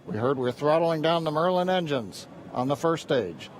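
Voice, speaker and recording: Male launch host, high-pitched voice, live commentary with clear noise behind. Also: animated, normal speed.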